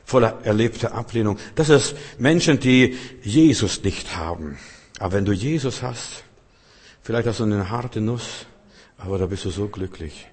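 Male preacher, low husky voice, fervent sermon, swings quiet to loud, long hall reverb. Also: lively intonation, moderate pace. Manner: fervent, swings between soft and loud emphatic passages.

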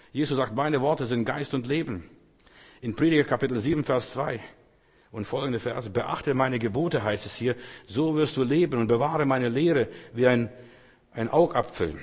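Male preacher, earnest and fervent, husky tone, long hall echo. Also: medium pitch. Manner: earnest, rises to loud fervent prayer. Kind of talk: sermon.

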